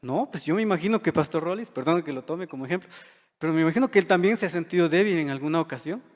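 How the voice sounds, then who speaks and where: A man's voice: fairly high pitch, animated, quick pace. A man giving an earnest, conversational sermon in a church, asking the congregation questions. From Guatemala. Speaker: church brother preaching. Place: church hall. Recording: long church-hall reverb.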